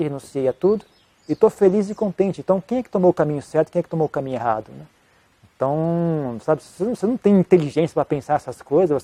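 A man, a monk answering an interview question in a casual, halting way with many restarts. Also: on the high side, mellow, no room sound. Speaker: Buddhist monk giving advice.

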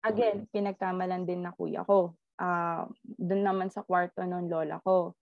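A woman telling a ghost story in casual chat, animated and laughing often as she tells it. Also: fairly low pitch, a little slow, vocal fry, no echo. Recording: slightly dull lo-fi audio.

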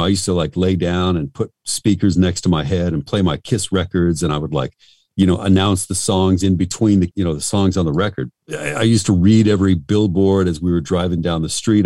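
A man's voice: low voice, a little fast, dark tone, no echo. A middle-aged man from the United States, a radio host and voice actor, telling stories in an interview with lots of fillers and restarts. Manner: rambling, full of fillers and restarts. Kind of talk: casual storytelling in an interview.

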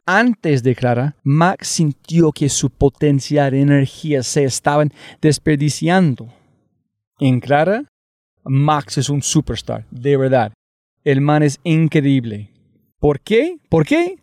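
A man hosting a podcast, reading an energetic intro with sudden leaps in pitch for emphasis, then starting an interview. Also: takes it slowly, no echo, studio quality. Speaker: podcast host.

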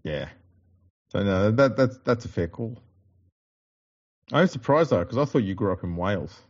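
An Australian man hosts a casual sports podcast, joking and teasing his co-host while reeling off stats. His fairly low voice is expressive and moderately paced, though the audio sounds dull.

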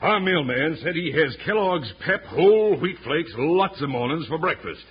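Folksy cowhand, husky voice, dull radio. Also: male voice, a little high, expressive, moderate pace. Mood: cheerful. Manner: cheerful, folksy. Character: Bronco Buster, cheery cowhand ad sidekick. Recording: dull old radio recording.

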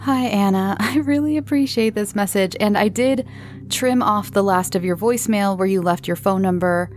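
A woman hosts a podcast, chatting casually and rambling informally as she answers listener voicemails and questions. Her voice is mid-range at a normal speed, with slight background noise.

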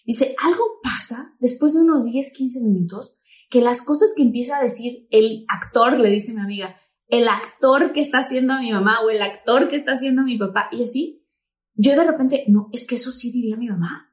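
A woman's voice: a little high, a little fast. A middle-aged woman with a Mexican accent, chatting casually as a podcast co-host and retelling a friend's story. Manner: expressive, exclaims and retells quotes. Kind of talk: casual chat.

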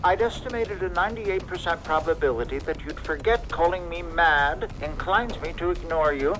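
A pompous male mastermind played by an actor, his voice a little high. He pronounces predictions with fussy precision, like a fortune teller working from odds. Music and vehicle sounds run underneath in this audio drama. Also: expressive, normal speed, lightly acted, low-quality recording. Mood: smug. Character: pompous, calculating genius strategist forecasting odds.

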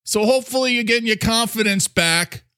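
Brash, cussing Mister Coffee. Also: male voice, very high voice, brisk, bright, forceful tone, smooth, pitched above the performer's own voice. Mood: cocky. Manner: swaggering, profane, pushy. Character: brash male talking coffee, cocky, swearing.

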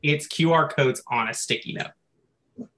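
A man's voice: fairly high pitch, takes it slowly, pushed and bright. A man co-hosting a podcast in casual chat, recapping game lore at length and dropping in frequent "like" asides. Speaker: podcast co-host.

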